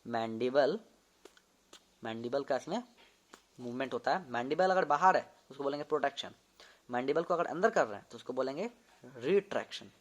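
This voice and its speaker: A man's voice: medium pitch, lively intonation, brisk, pauses often. A young man, a medical student, casually teaching an anatomy lesson, demonstrating movements and often repeating terms to check understanding. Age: young adult.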